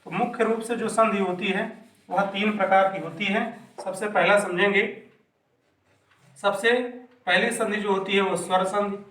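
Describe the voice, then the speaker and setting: Man, teacher, patient explaining, high-pitched, echoey distant recording. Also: fairly even intonation, normal speed, a bit bright. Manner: patient, repeats and asks himself questions. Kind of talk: classroom grammar lesson. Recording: echoey room, mic at a distance.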